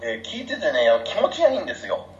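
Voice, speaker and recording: An amused male co-host reacts warmly and agreeably in a casual podcast chat. His pitch is lively and animated. The sound is roomy and a little dull, with faint noise underneath. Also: racing, a loud crowd.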